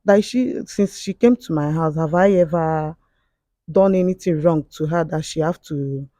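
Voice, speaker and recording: A woman telling a personal story as a confessing guest, halting often with fillers and restarts. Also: low voice, dark tone, no room sound, studio quality. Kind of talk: emotional spoken testimony.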